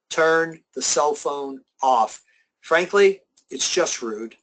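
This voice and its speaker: A man's voice: on the high side, fairly bright tone, poor audio. Emphatic middle-aged man teaching sales. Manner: emphatic, slows down to stress key points. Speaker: sales trainer. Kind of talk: motivational webinar presentation.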